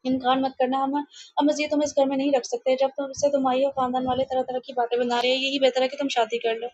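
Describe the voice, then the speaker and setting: A stern older guardian giving orders, as a woman narrator voices her in a storybook reading. The delivery is quick and flat, and the sound is dull. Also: sits high, dry recording. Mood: commanding. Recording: dull lo-fi dry audio.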